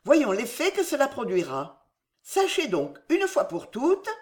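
A woman's voice: a little high, very animated, measured pace. A woman voicing a polite, composed chaperone who answers with courteous reserve. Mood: guarded. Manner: courteous, guarded.

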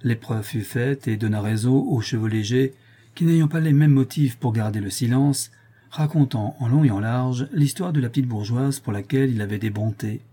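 A man narrating a classic novel as an audiobook, measured and even. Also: mid-range voice, breathy edge. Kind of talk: scripted narration.

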